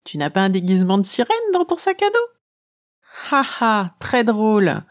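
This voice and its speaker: A woman voicing a spirited young girl adventurer in a children's audio story, high-pitched and easily indignant. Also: big pitch swings, measured pace.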